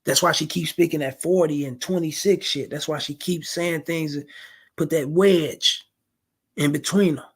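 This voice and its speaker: A reaction commentator with a fairly high, slightly rough voice talks at a normal speed with fairly even intonation. Responding to a street clip, he dishes out profane, straight-talking dating advice to the guys.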